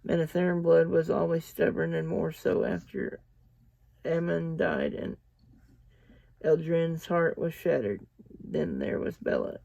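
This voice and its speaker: Gravelly-voiced man reading a novel. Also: on the high side, measured pace, dry recording. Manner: steady, plain reading. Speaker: audiobook reader. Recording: dull lo-fi dry recording.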